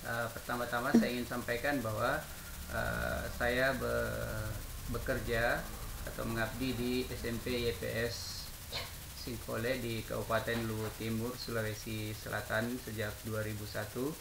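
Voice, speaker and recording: A man in his forties presenting an online webinar as a math teacher, his halting speech full of fillers, his audio choppy and breaking up with crackles. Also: medium pitch, level tone, gravelly. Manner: halting, frequent "eh" fillers and restarts. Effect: choppy, breaking-up audio with crackles and dropouts. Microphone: computer microphone on a video call. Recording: noisy, echoey room over a video call.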